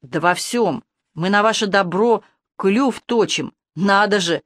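A woman's voice: mid-range voice, unhurried, dry recording, studio quality, lightly acted. A woman reading the part of a defiant, sneering young male falcon shapeshifter held captive, in a storybook audio reading.

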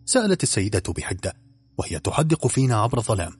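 Husky, lively male audiobook narrator. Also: on the low side, fast, no echo, faint music behind.

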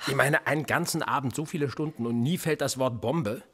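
Speaking fairly fast in a husky mid-range voice, a man voices a radio-drama police interrogator who is cool and cynical. His delivery is smug and needling, full of lively intonation.

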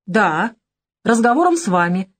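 A woman reading an audiobook, voicing a lively, ironic young woman in a brisk, teasing manner. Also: medium pitch. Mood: amused. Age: young adult. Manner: brisk, teasing, bright lilt. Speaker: audiobook character.

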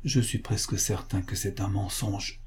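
A man reading the lines of a cold, ironic male financier with a curt, measured delivery. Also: mid-range voice, dark tone, a little hiss or hum, natural voice. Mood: muttered aside.

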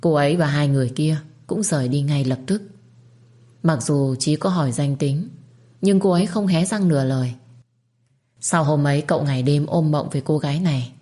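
A woman narrating a dramatic story in a steady, measured reading voice. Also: low-pitched. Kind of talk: scripted narration.

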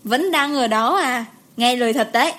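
Lady voicing a cheeky calm doctor guy, slow and teasing, kinda high voice. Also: close to an everyday voice. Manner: unhurried, teasing. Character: teasing calm male doctor, young adult.

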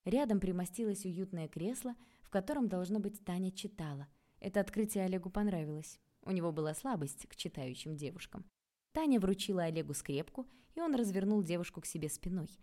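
A woman reading an audiobook aloud in a calm, even storytelling manner. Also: on the low side, brisk. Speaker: audiobook narrator. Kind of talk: scripted narration.

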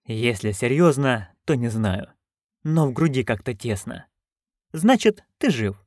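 Guy playing a hoarse soft jester, kinda dazed, slow. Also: medium pitch, sing-song, no room sound, clean studio sound. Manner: soft, weary.

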